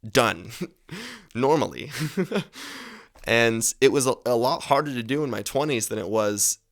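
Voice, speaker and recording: A man's voice: mid-range voice, lively intonation, unhurried. A man in his twenties hosting a podcast, giving advice in a casual, rambling monologue, swearing freely and correcting himself as he goes. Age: 20s. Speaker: podcast host.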